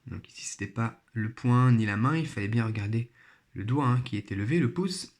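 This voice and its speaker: In a recorded remote phonics lesson, a man with a mid-range, darkish voice teaches primary phonics at a fairly quick clip. He's patient, carefully spelling out each sound and syllable.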